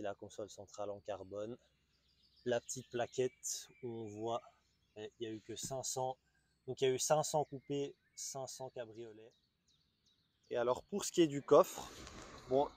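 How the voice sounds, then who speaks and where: A mellow, mid-range male voice with a Belgian French accent guides a casual, enthusiastic car walkaround. He's chatty but hesitant, restarting often, and a small camera-mounted mic records him.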